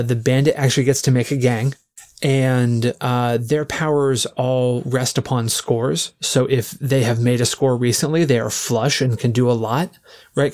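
Man running game prep, mid-pitched voice, easygoing explainer with lots of ums. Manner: relaxed, explains rules with many fillers. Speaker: game master. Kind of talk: casual game prep chat.

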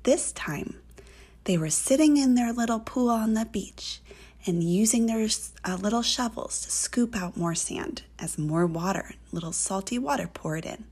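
Breathy whispering woman storyteller. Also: medium pitch, lively intonation. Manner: gentle, slow. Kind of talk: whispered bedtime story narration.

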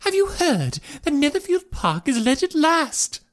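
A man voicing an excitable, pushy middle-aged English wife in an audiobook, gushing and insistent. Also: extremely high pitch, unhurried, heavily acted. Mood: eager, gossipy. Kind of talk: audiobook character voice.

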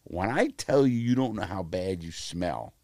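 This fifty-something interview guest has a low voice and a measured pace, captured in studio quality without echo. His casual storytelling is animated, blunt and full of profanity.

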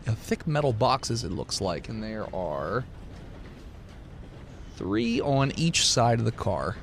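He's a game master and podcast host who takes it slowly, his voice on the low side and sing-song as he makes up the narration on the spot. Scenes come across in a relaxed, conversational way over clearly audible background noise.

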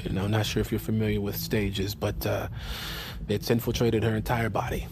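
An actor playing a glib, evasive young male slacker in a comedy, rambling and stammering in a deadpan way. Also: fairly low pitch, brisk, noisy background, lightly acted. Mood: feigned sorrow. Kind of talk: comedy film acting.

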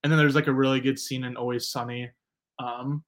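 A man's voice: mid-range voice, little pitch movement, brisk. A man co-hosting a sports podcast, talking casually and filling his sentences with "like". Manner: fills his speech with "like". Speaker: podcast co-host. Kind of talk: casual chat.

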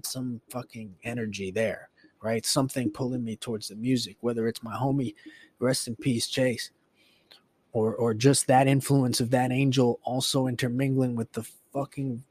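Man, late 20s, solo podcast host; loose, rambling, profane, mid-pitched, dry close mic. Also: a little mellow, no echo. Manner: rambling, frequent swearing and fillers. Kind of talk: casual solo reflection.

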